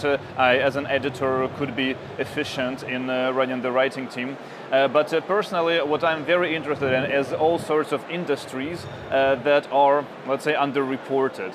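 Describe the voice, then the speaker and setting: A man's voice: on the high side, noisy background. A man from Ukraine, a tech journalist in his thirties, answering interview questions with lots of fillers and restarts. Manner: hesitant, many fillers and restarts. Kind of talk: conference interview.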